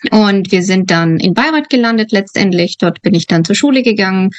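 A woman's voice: mid-range voice, animated, brisk, dry recording, highs cut off. A woman born in Uzbekistan and raised in Germany, a missionary guest speaking thoughtfully and earnestly in a podcast interview, with some hesitations.

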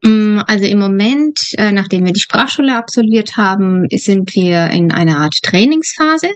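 A woman born in Uzbekistan and raised in Germany talks as a guest on a podcast interview. Her mid-range voice is earnest and reflective, with small pauses to gather her words. The sound is close and dry. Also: mid-range voice, lively intonation, no echo, dull audio. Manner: thoughtful, earnest, with fillers. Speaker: missionary guest.

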